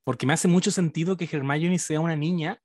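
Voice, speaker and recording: A man's voice: fairly high pitch, a little fast, no echo, studio quality. A man with a Chilean Spanish accent in a casual podcast chat, joking and often correcting himself. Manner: lively, joking, self-correcting.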